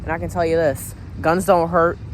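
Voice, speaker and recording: A man's voice: fairly high pitch, flat delivery, normal speed, slight background noise. An American man giving a casual opinion monologue as a vlogger, informal and repetitive, often saying "you know.". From United States.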